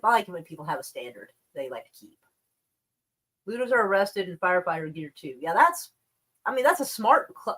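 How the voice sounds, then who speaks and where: A woman's voice: medium pitch, fairly bright tone, slightly rough. A woman chatting casually on a live stream about the news, rambling and wry, with plenty of swearing. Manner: profane, laid-back, wry.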